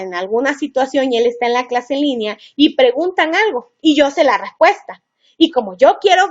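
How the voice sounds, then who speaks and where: A middle-aged woman leads a parenting seminar, chatty and earnest, speaking straight to the parents listening. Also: high-pitched. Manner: chatty, earnest, advice-giving, talks to the listener directly. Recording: dull lo-fi recording.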